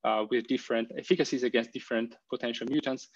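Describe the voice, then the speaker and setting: A man's voice: medium pitch, steady tone, fast talker, vocal fry, lo-fi sound. A man in his thirties giving an academic presentation over a video call, captured as screen-recorded audio, talking hesitantly with many ums and restarts. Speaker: invited research speaker. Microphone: computer mic on a video call.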